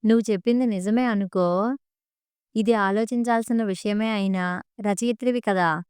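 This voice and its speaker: A woman's voice: medium pitch, moderate pace, a little mellow, clear, resonant tone, no room sound, clean studio sound, lightly acted. A woman voicing a middle-aged husband who patiently reasons with his wife in an audiobook story. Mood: reasoning. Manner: patient, persuasive.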